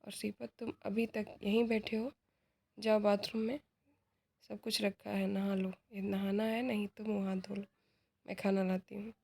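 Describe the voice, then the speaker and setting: A woman's voice: mid-range voice, flat delivery, normal speed, creaky, darkish tone, husky. A woman reading aloud the part of a strict, orderly mother who scolds her household. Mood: stern. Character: strict, orderly mother, prim older sister.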